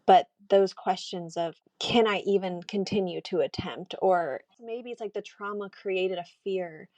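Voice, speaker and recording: A woman's voice: medium pitch, measured pace, darkish tone, dry recording. A woman host asking a long, thoughtful, searching question in an interview conversation. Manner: thoughtful, searching, with small restarts. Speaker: podcast host.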